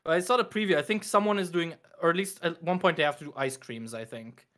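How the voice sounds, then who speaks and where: A man's voice: a little high, fast talker, a bit bright. A man co-hosting a podcast, chatting casually, laughing often and drifting into tangents. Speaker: podcast co-host. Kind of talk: casual chat.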